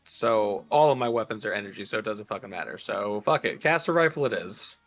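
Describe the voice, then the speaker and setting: A man playing a tabletop game, hesitant and slow, swearing casually. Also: fairly low pitch, expressive, faint music behind. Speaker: player.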